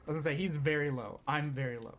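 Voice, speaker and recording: A man streaming a game, chatting casually, excitable and swearing as he plays. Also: on the high side, racing, a little hiss or hum. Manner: excitable, swears, laughs often. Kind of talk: casual live gameplay chat.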